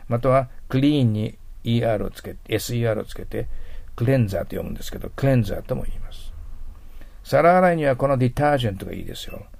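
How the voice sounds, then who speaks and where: Gravelly man teaching vocabulary. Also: fairly low pitch, a little mellow. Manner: patient, explanatory, drops to a near whisper at phrase ends. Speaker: English teacher. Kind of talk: vocabulary lesson.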